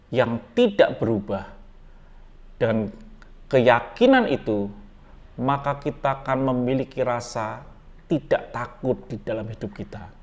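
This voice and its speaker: Indonesian male pastor, mid-pitched voice, measured devotional preaching with repeated phrases. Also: darkish tone. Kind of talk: daily devotional sermon.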